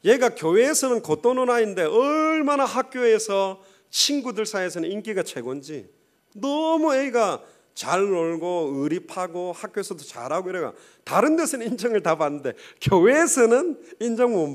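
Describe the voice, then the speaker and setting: An impassioned male pastor delivering a sermon in a high voice. His pitch swings widely as he builds to fervent peaks, then sinks back to quiet retelling with quoted dialogue. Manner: impassioned preaching with quoted dialogue and sudden drops in volume.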